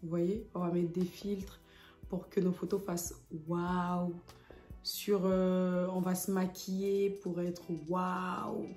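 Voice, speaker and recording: A young woman from French Guiana talks casually to her camera, pausing often with fillers. Her voice is mellow and slightly low, and she speaks slowly. The room is echoey. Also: flat delivery, soft background music. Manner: hesitant, many fillers. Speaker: vlogger.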